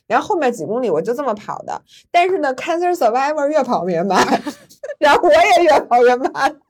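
A woman podcast host, telling a story in lively casual chat and laughing often. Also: high voice, a little fast.

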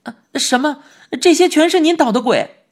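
A woman's voice: on the high side, expressive, moderate pace, slightly rough, voice pushed up. A woman voicing an anxious, protesting young boy in a storybook reading. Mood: flustered. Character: flustered young boy narrator-hero.

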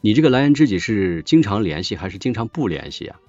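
A man's voice: fairly low pitch, sing-song, fast, darkish tone, no room sound, lo-fi sound, faint music behind. A man hosting a podcast, asking short questions and offering brief encouraging remarks in casual chat. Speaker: podcast host.

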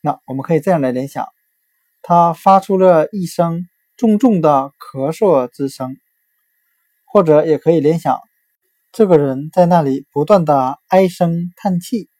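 A woman's voice: deep voice, warm tone, dry recording. A woman teaching English vocabulary, spelling words out letter by letter. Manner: slow, deliberate spelling out letter by letter. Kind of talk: vocabulary lesson.

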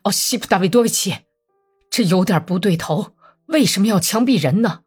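A woman's voice: medium pitch, expressive, breathy edge, faint music behind, pitched above the performer's own voice. A woman voicing an agitated village man who protests in alarm. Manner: fast, raised, upset.

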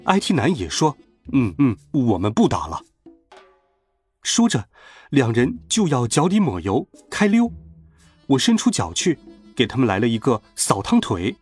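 A man narrating a children's story in a playful, animated way. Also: medium pitch, normal speed, slightly rough, dry recording. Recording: faint background music.

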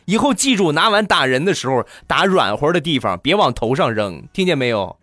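A man's voice: mid-range voice, sing-song, moderate pace, fairly bright tone, no room sound, clean studio sound. A man voicing a stingy middle-aged mother who shrilly scolds her son in a comic story. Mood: scolding.

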